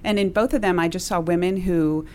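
Low-voiced woman, association president. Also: a little fast, darkish tone, slight background noise. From born in Peru, raised in Miami. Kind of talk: interview answers.

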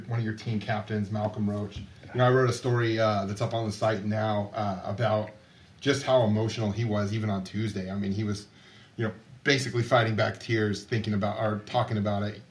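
A man's voice: lowish voice, steady tone, fairly quick. A man co-hosting a sports podcast, a sports writer chatting casually and restarting his sentences often. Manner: hesitant, many restarts.

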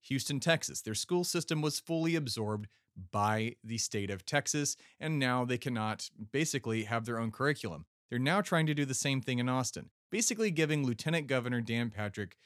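A man rants heatedly into a voice message, swearing and pushing his words hard. His voice sits at an ordinary pitch. The recording is dry with no room sound. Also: a bit bright, dry recording. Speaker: caller. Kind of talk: angry voice-message rant.

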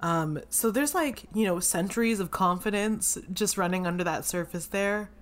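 A woman's voice: medium pitch, moderate pace. Easygoing woman musing in podcast chat. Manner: relaxed, hedging and thinking aloud with "um"s. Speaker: podcast co-host. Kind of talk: casual show recap chat.

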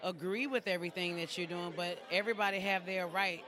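A man's voice: high voice, steady tone, fairly quick. A man, a music artist, giving casual, encouraging answers in an outdoor red carpet interview. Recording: loud crowd chatter outdoors.

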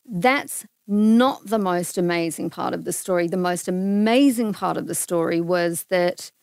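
A woman's voice: on the low side, measured pace, creaky, clean tone, no room sound, studio quality. A middle-aged Australian woman, a guest in a casual interview, telling a personal story earnestly and animatedly. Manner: earnest, animated retelling with acted-out quotes.

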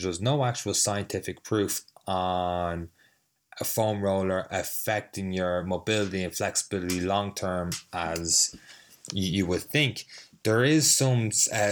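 Male podcast host, very deep voice, sniffly cold, easygoing rambling chat, mic a bit distant. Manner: rambling, self-deprecating, easygoing. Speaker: fitness coach and podcast host. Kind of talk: casual solo podcast talk. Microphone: mic set a little further away than usual.

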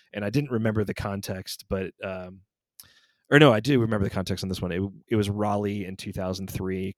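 A man in his forties co-hosts a podcast, chatting casually and rambling through stories with frequent self-corrections. His voice sits low, with no echo.

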